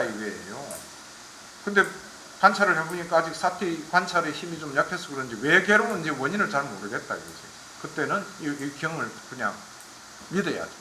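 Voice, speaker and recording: A man's voice: fairly high pitch, bright, forceful tone, a little hiss or hum. A man from giving a Buddhist dharma lecture with plain explanations, asking listeners to agree as he goes. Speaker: Buddhist teacher. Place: temple lecture hall. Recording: echoey room.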